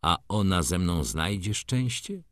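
A man's voice: sits low, expressive, a bit bright, no room sound, clean studio sound. A man doing a brooding, bitter merchant. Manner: gloomy, slow, resigned. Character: weary, bitter middle-aged male merchant, brooding.

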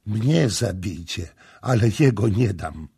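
A man voicing a grieving young mother who pleads in a low, hushed way in an audiobook. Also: lively intonation, slow, vocal fry, husky, full character voice. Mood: desperate pleading.

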